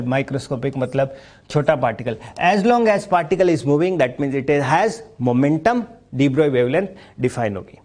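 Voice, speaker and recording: A man's voice: on the high side, a little mellow. A man teaching a physics lecture, mixing Hindi and English, explaining step by step and asking and answering his own questions.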